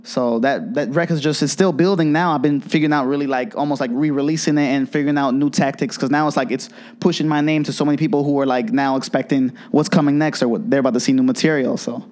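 A man's voice: mid-range voice, fairly even intonation, fast, hardly any pauses, darkish tone. A young man, a DJ and producer, answering interview questions casually and eagerly. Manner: casual and eager, lots of fillers. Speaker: DJ and producer guest. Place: office space during an event.

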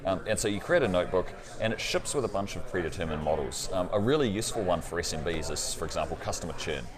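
A guest from a cloud company partner explains technology to an interviewer on a busy conference floor, often tagging sentences with "right?" He's a fast talker with a low-pitched voice and lively intonation, and crowd chatter fills the background.

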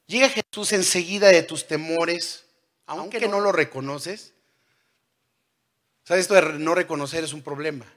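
A man in his thirties preaching a sermon, who swings between loud calls and hushed lines and puts questions to the congregation. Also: a little high, unhurried, long pauses. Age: 30s.

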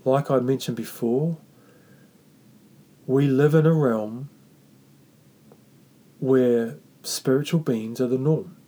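A man from New Zealand with a Māori accent hosts a faith podcast in a mellow, relaxed tone. His pitch sits in the middle, and he speaks earnestly, often pausing and restarting as he reflects. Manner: earnest, halting, repeats and restarts phrases. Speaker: podcast host. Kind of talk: reflective faith talk with Māori greetings and prayer.

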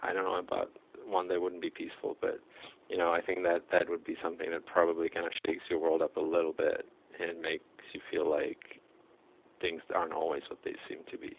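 A middle-aged blacksmith from the Czech Republic is a guest in a casual interview, and the audio sounds tinny, like a phone. He speaks hesitantly, with many fillers and restarts. His voice is low, monotone, creaky and slightly rough, and a little fast.

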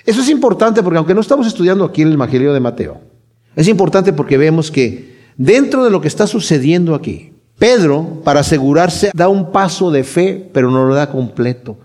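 Animated preaching man, higher voice. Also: a little fast. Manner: animated preaching, shifting between loud and hushed; acts out quoted voices while retelling. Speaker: pastor. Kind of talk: sermon.

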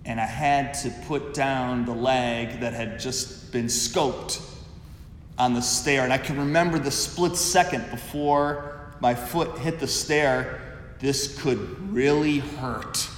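Priest, male, unhurried homily, long cathedral echo with a faint rumble underneath. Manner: slow, measured delivery. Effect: cathedral echo with long reverb. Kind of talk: Gospel reading and homily at Mass. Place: large church. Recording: echoey church hall, faint rumble.

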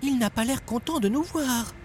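A man voicing a lively young girl who exclaims eagerly in a children's audio story. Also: very high-pitched, normal speed, a little hiss or hum, voice pushed up. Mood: excited.

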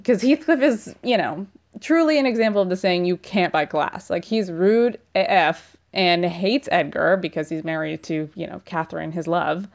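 A woman's voice: fairly low pitch, normal speed, vocal fry, highs cut off. A young woman giving a casual book summary, chatty and irreverent, full of filler words and slang.

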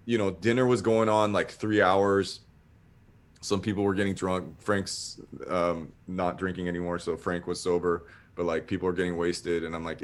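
A man casually telling a long story, rambling and swearing, acting out what people said. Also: low voice. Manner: rambling, profane, animated retelling with acted-out quotes.

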